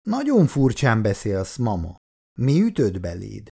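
A man voicing a calm older father who gently reproves his wife and tries to ease tension. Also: fairly low pitch, creaky, slightly rough, exaggerated voice.

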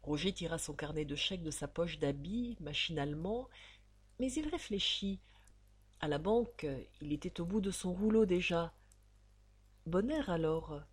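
A woman narrating a serial novel as an audiobook, in a measured, dramatic storytelling manner. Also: on the low side, animated, husky.

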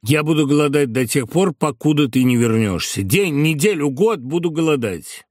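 A man's voice: a little high, expressive, normal speed, darkish tone, no room sound, studio quality, voice pushed up. A man voicing a self-pitying middle-aged husband who wails and drawls through his nose in grand declamation. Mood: wailing. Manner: nasal, drawling, wailing declamation.

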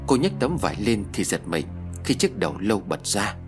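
A man narrating a ghost story audiobook in a lively storytelling voice. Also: fairly low pitch, moderate pace, over music.

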